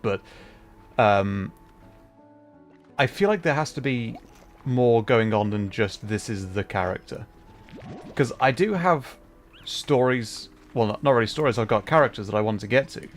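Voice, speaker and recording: A streamer with a mid-range, animated voice talks unhurriedly and pauses often as he muses aloud about his game, hesitant and rambling. Game music plays behind him during the casual chat.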